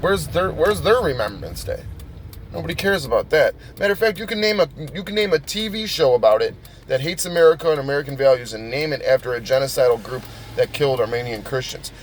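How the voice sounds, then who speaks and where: A man's voice: mid-range voice, animated, fast talker, a little hiss or hum, poor audio. A man ranting in a confrontational, profane vlog, addressing someone directly. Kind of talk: angry rant vlog.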